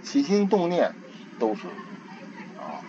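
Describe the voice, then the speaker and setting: The speaker is an older Buddhist teacher giving a relaxed dharma talk in a conversational, homely style, often repeating and restarting his words. His high voice swoops wildly in pitch and he takes it slowly. It comes from dull lo-fi archival tape with faint hiss.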